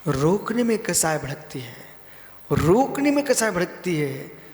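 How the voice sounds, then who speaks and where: A man's voice: high-pitched, big pitch swings, a little slow, a little mellow. A man, a Jain monk, giving a sermon, repeating phrases for emphasis and acting out short dialogues. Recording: roomy hall reverb.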